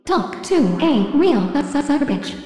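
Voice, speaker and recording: A woman's voice: sits high, big pitch swings, slow pace, mellow, heavily acted. A woman voicing a seductive, brazen and languid female robot chat companion in a promotional spot. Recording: long hall echo, faint music.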